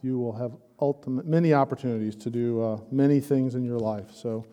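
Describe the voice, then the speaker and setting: A man's voice: mid-range voice, fairly quick, warm tone, lo-fi sound. A middle-aged man, a pastor, talking casually to a church group with a handheld microphone, rambling and joking as he encourages them. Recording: long hall reverb with murmuring crowd.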